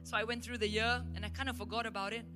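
Her voice a little high and her delivery rapid-fire, a Malaysian English-accented woman pastor tells animated, emphatic stories in a sermon at church. Faint instrumental worship music can be heard in the background.

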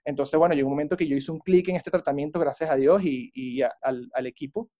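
A young Venezuelan man speaks quickly in a slightly high voice, telling his story in an animated way. The recording is dull and lo-fi. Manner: rapid, animated storytelling with fillers like ¿sabes? and ¿no?. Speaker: guest recounting addiction recovery. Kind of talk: conversational interview.

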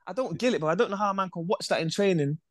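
A young podcast co-host talks football casually and very fast, his voice slightly high. He repeats himself and keeps dropping "bruv" and "bro," in a dry, close recording with no echo or room sound.

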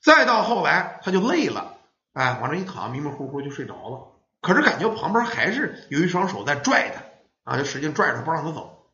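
A man's voice: fairly high pitch, very animated, fairly quick, bright, forceful tone. A man telling a ghost story, acting out the children and parents as he goes. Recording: roomy, dull lo-fi sound.

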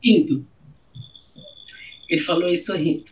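The speaker is a middle-aged woman, Brazilian-accented, whose lowish, darkish voice moves at a measured pace. She shares her own story in an interview, emotionally and with repeated phrases. Sound quality is muffled and dull.

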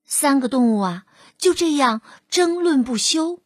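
A woman narrating a children's storybook in an expressive, drawn-out manner. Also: high voice, no room sound, studio quality.

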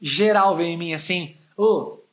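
High-voiced animated São man. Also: brisk. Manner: animated, slangy, expressive. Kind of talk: casual storytelling testimony.

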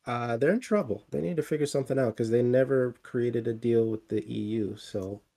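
Man, casual podcast chatter, mellow tone, loose and rambling with fillers. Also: mid-range voice, fairly quick. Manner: rambling, many fillers and restarts. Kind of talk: casual chat.

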